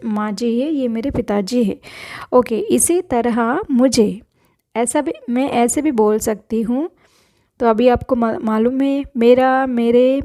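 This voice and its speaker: A woman gives a spoken language lesson at a slow, careful pace. Her voice sits a little high but sounds soft and mellow. She repeats each word several times and patiently corrects pronunciation. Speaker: language teacher.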